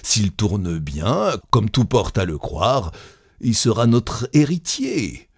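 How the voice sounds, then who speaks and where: A man reading a calm, persuasive gentleman. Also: fairly low pitch, vocal fry, slightly rough, no room sound, clean studio sound, heavily acted. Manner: measured, reasoning tone. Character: well-off husband, calm and persuasive.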